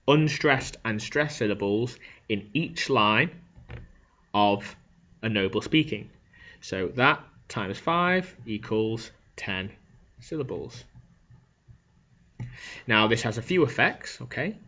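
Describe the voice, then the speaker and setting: A man's voice: mid-range voice, a bit bright. A male teacher, explaining a lesson step by step and often checking in with "okay?". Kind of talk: classroom lecture on Shakespeare. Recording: dull lo-fi recording.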